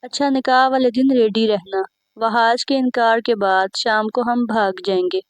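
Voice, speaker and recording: A woman's voice: on the high side, fairly even intonation, normal speed, no echo, close to an everyday voice. Possessive young lover guy, demanding tone, dry sound, read by a woman. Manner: forceful, demanding.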